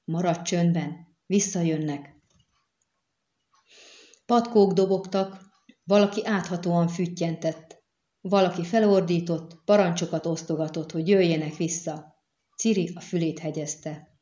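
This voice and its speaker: Woman audiobook narrator, lowish voice, roomy dull recording. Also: fairly even intonation, dark tone. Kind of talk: scripted narration.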